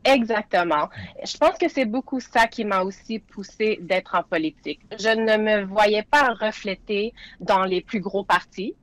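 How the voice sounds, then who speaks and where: Une femme originaire des Philippines, candidate municipale, répond en entrevue avec sérieux et beaucoup d'hésitations. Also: female voice, medium pitch, a little slow, no echo, low-quality recording. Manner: earnest, hesitant with many fillers and restarts. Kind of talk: interview answers.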